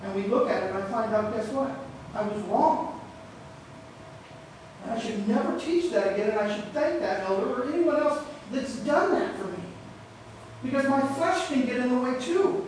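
With an extremely high-pitched, somewhat mellow voice, a man preaches a sermon at a moderate pace, asking the congregation questions he answers himself. He uses a church stand microphone but occasionally steps away from it. The sanctuary is echoey, with slight background noise.

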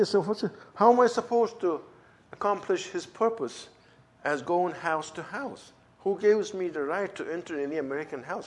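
A man who isn't a native English speaker, with a German-Turkish accent, gives a personal testimony in a voice that's on the high side and a little mellow. He tells his story with fervent emphasis and acts out the dialogue.

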